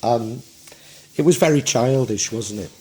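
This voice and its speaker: A man's voice: mid-range voice, a little slow, dark tone. A man in his sixties giving a tarot reading in a reflective, rambling way with frequent restarts. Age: 60s. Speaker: tarot reader.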